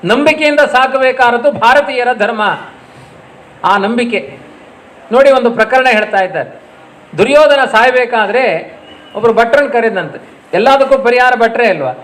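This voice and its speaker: Really high voiced guy preaching, tells old stories, keeps asking the crowd questions. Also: moderate pace, long pauses, a bit bright. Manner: rhetorical questions, chants Sanskrit verses. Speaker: religious discourse speaker. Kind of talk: storytelling sermon.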